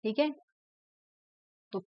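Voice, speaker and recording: A woman teacher, patiently explaining a lesson to young children and often checking that they follow. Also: dry recording. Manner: patient, repeats words slowly and checks in with "ठीक है ना". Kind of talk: classroom lesson explaining a textbook. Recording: dull, lo-fi, dry sound.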